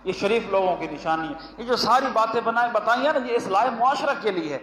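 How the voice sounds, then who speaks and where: A man with a Punjabi accent preaching a sermon, chanting Arabic verses slowly and then explaining them with emphatic repetition. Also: sits high, a bit bright. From Pakistan, Punjab. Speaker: religious scholar giving a weekly lesson. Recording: echoey hall with long reverb, faint ambience.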